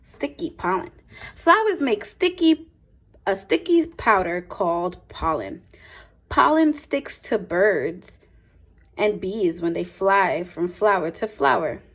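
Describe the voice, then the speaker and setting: A teacher, female, reads a children's picture book aloud at a slow pace with a voice in the middle range. Expressive delivery mixes with plain little asides meant to explain things to the young listeners.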